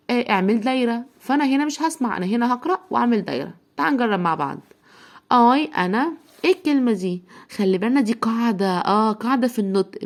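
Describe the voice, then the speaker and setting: A woman with an Egyptian Arabic accent teaching a children's English lesson, repeating each word slowly. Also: mid-range voice. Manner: slow, drawn-out repetition of words for children.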